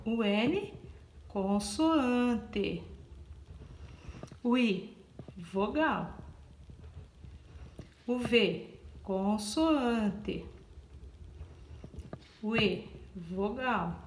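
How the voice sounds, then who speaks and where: Slow, patient woman teacher, echoey room. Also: a little high, animated, a little hiss or hum. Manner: spells out letters, counts aloud, keeps asking "tá?". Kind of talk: slow, patient classroom explanation.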